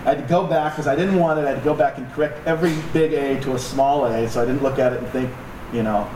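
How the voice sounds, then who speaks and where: Speaking fast in a medium-pitched, steady, somewhat dark voice, a pastor delivers a sermon in a conversational, joking style with asides to the congregation. The mic is distant in an echoey, noisy room.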